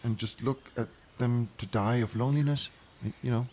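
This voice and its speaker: A man voicing a reflective young male hero who talks haltingly and earnestly in a children's audio story. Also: mid-range voice, fairly even intonation, a little mellow, a little hiss or hum, natural voice.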